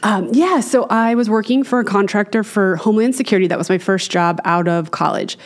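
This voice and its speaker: A woman's voice: mid-range voice, fairly quick. A woman in her thirties from Virginia, an artist guest telling her story in an upbeat, chatty way, recorded in a gallery on a studio mic. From Manassas, Virginia, US. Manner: chatty, upbeat, frequent fillers. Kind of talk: casual interview chat. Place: gallery space, indoors. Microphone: studio mic on boom arm, headphones.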